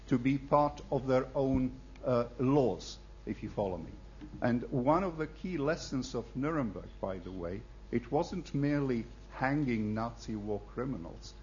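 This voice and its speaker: A man from the audience making a forceful, argumentative point at a public debate. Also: medium pitch, highs cut off, a little hiss or hum. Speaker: audience member asking a question. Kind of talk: public debate floor question.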